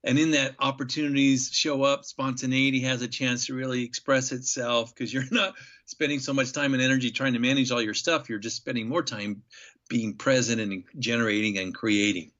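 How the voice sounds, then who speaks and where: A man in his fifties from Nebraska, a podcast guest telling a travel story with animated enthusiasm. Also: mid-range voice, moderate pace, highs cut off. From Nebraska, USA. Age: 50s. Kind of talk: storytelling interview.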